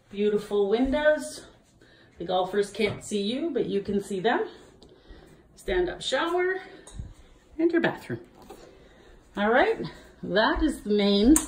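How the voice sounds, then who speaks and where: A real estate agent walking through a large house, chatting as she points out rooms and getting a little out of breath. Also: mid-range voice. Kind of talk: walking house tour narration.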